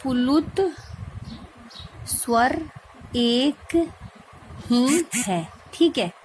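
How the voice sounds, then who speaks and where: A woman with a fairly high voice walks through a grammar lesson step by step. She repeats her points and keeps checking that the class is following. A faint hum sits under the recording. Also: lively intonation, drawn-out words, darkish tone. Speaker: Hindi grammar teacher.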